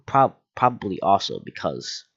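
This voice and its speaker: A man with a fairly low voice reads online posts aloud for his channel. He stops now and then for dry, sarcastic asides. The recording sounds dull and lo-fi. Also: very animated, moderate pace, fairly bright tone, breathy edge. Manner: sarcastic asides between readings. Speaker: channel host.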